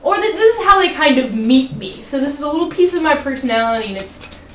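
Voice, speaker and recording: A young woman with a high-pitched voice tells an informal funny anecdote. She rambles in a giggly way and often interrupts herself with asides. She is heard at a distance from the mic in a very echoey room. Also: sing-song, fast talker, a little hiss or hum. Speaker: storyteller. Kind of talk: informal comic anecdote told to a live group.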